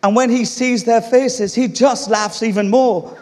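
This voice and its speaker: Preaching in a very high-pitched voice at a measured pace, an Englishman tells a humorous story full of laughs and then turns to his teaching. His storytelling is lively and animated. A large hall's long reverb colors the sound.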